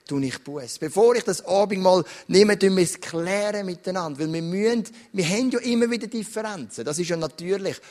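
A middle-aged man with a Swiss German accent preaching a sermon as pastor, in an animated, direct, conversational way. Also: medium pitch.

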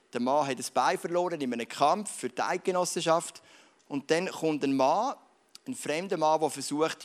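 A man preaches directly to his congregation, weaving anecdotes and read-aloud stories into his sermon. His voice sits a little higher than most men's. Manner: direct, addresses listener as du. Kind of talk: sermon with storytelling.

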